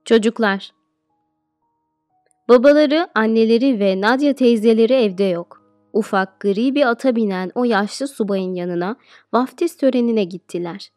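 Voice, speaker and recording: A woman teacher reading an audiobook aloud, narrating in a steady, expressive storytelling way. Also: fairly high pitch, moderate pace, no echo, studio quality, soft background music.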